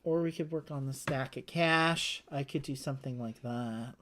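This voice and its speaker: With a mid-range, fairly bright voice at a moderate pace, this board game co-host chats casually, explaining readily and talking through options as if to a friend across the table. There's a little hiss or hum in the recording.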